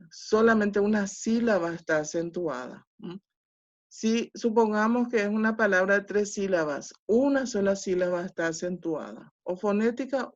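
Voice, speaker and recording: Slow, deliberate woman teacher. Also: mid-range voice. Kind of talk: online class lecture. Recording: dull lo-fi online class audio.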